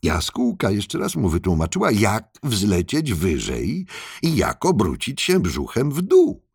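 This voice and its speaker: A man reads a children's story aloud, slow and deliberate. His pitch swoops widely from line to line, and his voice is gravelly and a little husky. The sound is close and dry. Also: huge pitch swings, darkish tone, no echo. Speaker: audiobook narrator. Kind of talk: scripted children's story narration.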